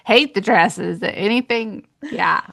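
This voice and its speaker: A woman co-hosting a podcast, talking about books in a sarcastic, drawn-out way with laughing asides. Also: mid-range voice, creaky, a bit bright. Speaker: podcast co-host. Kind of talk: casual book chat.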